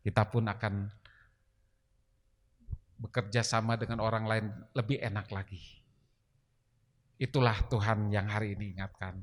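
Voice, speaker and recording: A man's voice: fairly low pitch, flat delivery, normal speed, pauses often. A man preaching a sermon in a church, emphatic and asking the congregation rhetorical questions. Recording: long reverb of a church hall.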